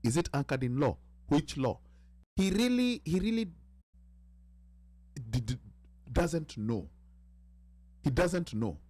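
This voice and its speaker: A man's voice: fairly high pitch, big pitch swings, slow pace, long pauses, darkish tone, dry recording. A man in a casual panel discussion, explaining at length and restarting often as he searches for words.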